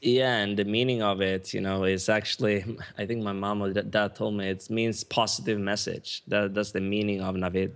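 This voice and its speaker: A man's voice: lowish voice, level tone. Swedish-raised man, "you know" everywhere. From Sweden. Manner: fast, leans on "you know" constantly. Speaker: podcast guest. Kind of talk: podcast interview.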